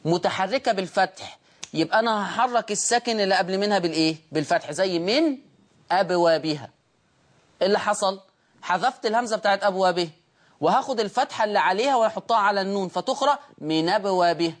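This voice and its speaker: A man's voice: high-pitched, fast. A man with an Egyptian accent hosting a Quran recitation lesson, patiently explaining rules and repeating each point twice. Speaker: Quran recitation teacher and host.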